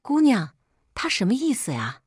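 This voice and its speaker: An indignant young maid, put on by a woman reader, loyal and quick to protest. Her voice rises high and fretful, with lively swings. It sounds close and dry. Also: slightly rough, no room sound, full character voice.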